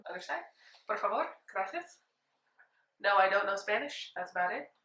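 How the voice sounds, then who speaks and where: A woman in her twenties does a friend's makeup in a small room at home while chatting and telling jokey, animated stories. Her voice is medium-pitched at a normal pace, and the room sounds echoey.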